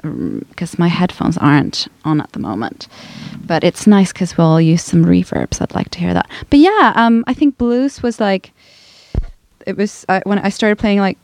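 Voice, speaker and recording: A Swedish woman, a guest singer, chats casually in a studio, hesitant and thinking aloud. Her lowish voice is expressive, creaky and darkish, at a moderate pace.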